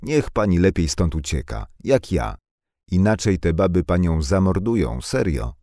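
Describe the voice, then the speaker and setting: A man's voice: low-pitched, big pitch swings, normal speed, dark tone, no room sound, studio quality. A man voicing a talkative, blunt young village woman with slangy, impulsive speech. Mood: chatty.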